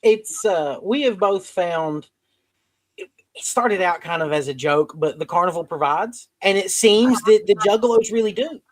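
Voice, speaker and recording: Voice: mid-range voice, lively intonation, a little slow, dry recording, poor audio. A podcast host walks through recaps in loose, rambling chat. The voice sits mid-range, recorded dry with no room around it.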